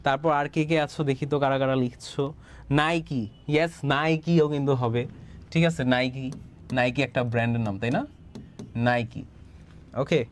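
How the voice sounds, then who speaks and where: A man's voice: mid-range voice, steady tone, moderate pace, pauses often, a little hiss or hum. A man with a Bangladeshi accent teaching an English pronunciation class online, reading out students' answers, repeating words and checking that they follow.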